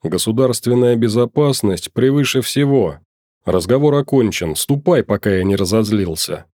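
A stern, commanding security chief, as a man reading a story plays him. He speaks in a low, mellow voice with clipped orders. The sound is dry and close. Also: expressive, moderate pace, no room sound. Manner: curt, commanding.

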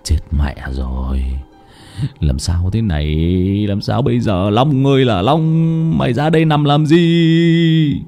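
A jittery young village thug mutters under his breath and stammers in a low, dropped voice. He talks quietly and keeps his words close, as a male storyteller acts him out in a spoken ghost story. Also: sing-song, fairly quick, soft background music. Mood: panicked. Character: nervous young village man, a guilty thug.

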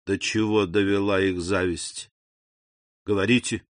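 Audiobook: man doing secretive stern priest, deep hushed probing, dry sound. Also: steady tone, measured pace, no echo, natural voice. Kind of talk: audiobook character voice.

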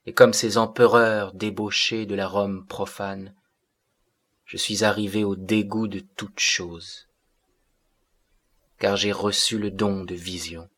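A man's voice: lowish voice, level tone, slow pace, pauses often, a bit bright. A man voicing a sorrowful, otherworldly seraphic being who speaks in solemn, lofty declamation. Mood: mournful.

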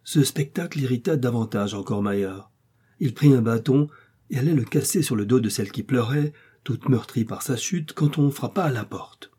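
A man reading an old moral tale aloud as a measured, literary narrator. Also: mid-range voice, expressive, dark tone, slightly rough. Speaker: audiobook narrator. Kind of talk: scripted narration.

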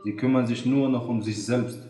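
A man's voice: medium pitch, steady tone, normal speed, warm tone, pitched below the performer's own voice, lightly acted. A man voicing a sad teenage girl who feels unloved by her mother, reading her lines in a plaintive, earnest way. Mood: sorrowful. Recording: echoey room.

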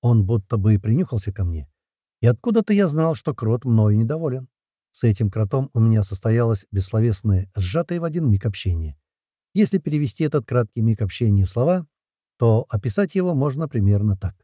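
A male audiobook narrator telling a first-person story with lively, expressive pitch. His voice is dark and mellow with a husky edge. The recording is close and dry. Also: a little fast, no echo.

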